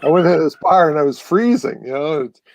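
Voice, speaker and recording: A man's voice: fairly high pitch, animated, brisk, gravelly, dry recording. A man appearing as a guest, telling long stories in a casual, rambling way with many fillers and restarts. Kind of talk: casual storytelling chat.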